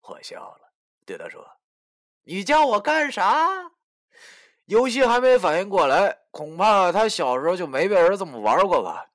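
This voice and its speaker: A man's voice: sits high, very animated, moderate pace. Wry, slangy male storyteller. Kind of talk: first-person web-novel narration.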